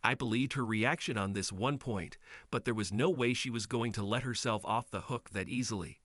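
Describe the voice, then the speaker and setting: A man's voice: mid-range voice, normal speed, a bit bright, no room sound. Man narrating a story, dry and close. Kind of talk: scripted first-person storytelling.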